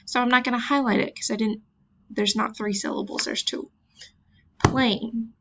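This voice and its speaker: A woman's voice: on the high side, fairly even intonation, normal speed, vocal fry, muffled recording, background noise. A woman teacher giving a virtual classroom lesson, patiently sounding words out and making chatty, self-deprecating asides. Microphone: computer mic.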